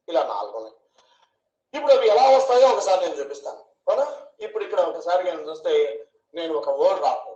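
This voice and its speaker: Male teacher, high voice, patient questioning delivery; roomy, muffled lo-fi recording. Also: mellow. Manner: slow, questioning, drawing out each syllable. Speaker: English grammar teacher. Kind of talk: online classroom lesson. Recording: echoey room, dull lo-fi sound.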